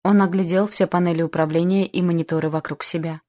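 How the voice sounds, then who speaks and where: A woman reads an audiobook in the first person, with calm and even storytelling. Her voice sits a little low. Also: fast. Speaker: audiobook narrator.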